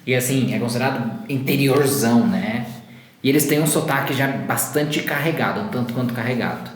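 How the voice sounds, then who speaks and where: A man's voice: mid-range voice, a little fast. Sorocaba-accented man in an echoey room. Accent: interior São Paulo (Sorocaba). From Sorocaba region, Brazil. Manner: relaxed storytelling with frequent tag questions. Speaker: English teacher co-hosting a podcast. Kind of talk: casual podcast conversation.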